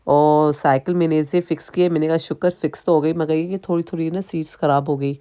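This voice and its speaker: Woman, Sindhi accent, native Sindhi speaker, casual vlog chatter, rambling asides, somewhat low voice. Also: fairly even intonation, dark tone, clean tone. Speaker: vlogger.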